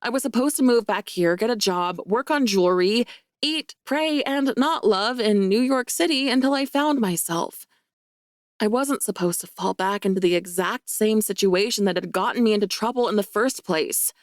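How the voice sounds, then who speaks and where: A woman of middling pitch reads a first-person romance audiobook, wry and lively with a self-mocking edge. Her voice is close and dry, with no room sound. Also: normal speed, no echo. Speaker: audiobook narrator.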